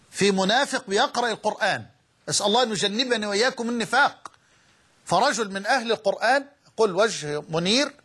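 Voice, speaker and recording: A man's voice: high-pitched, pushed and bright, husky. An Egyptian man preaching a sermon, fervent and repeating phrases for emphasis.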